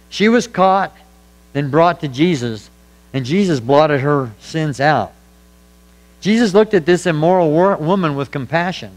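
A man's voice: fairly high pitch, rough recording. A man preaching a sermon as pastor, earnest and emphatic, hammering points home through repetition. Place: church.

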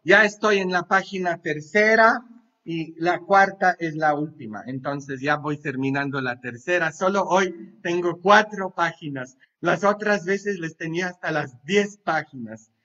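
On a muffled, low-fidelity recording, a pastor jokes his way through a homily, throwing rapid questions and side remarks to his audience. He speaks slowly in a bright, high voice and bursts into loud, half-sung song lines.

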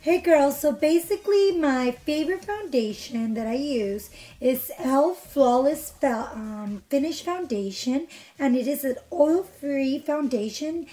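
A young beauty vlogger, slightly hoarse from being under the weather, chats bubbly through a makeup tutorial in her bedroom with a couch, using lots of fillers. Her voice sits high and mellow. She's filmed by a camera at arm's length in front of her, and the audio is poor.

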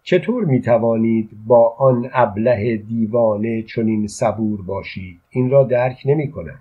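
A man reading the part of an unhappy, defiant young queen in an audiobook, in an earnest, quietly intense way with a husky voice. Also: medium pitch, phone-quality sound, close to an everyday voice. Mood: bitter.

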